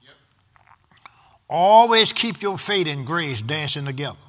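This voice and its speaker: A man's voice: on the high side, lively intonation, measured pace. A man preaching a sermon, in rhythmic repeated refrains that build in intensity. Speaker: pastor.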